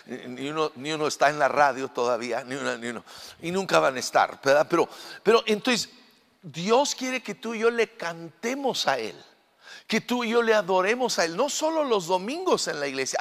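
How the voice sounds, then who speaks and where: A middle-aged man delivers a sermon from the pulpit in a high, reaching voice. He moves between quiet, chatty asides full of fillers and loud proclaiming. The church hall gives every word a long tail of reverb. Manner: fillers and repeated words. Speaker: pastor.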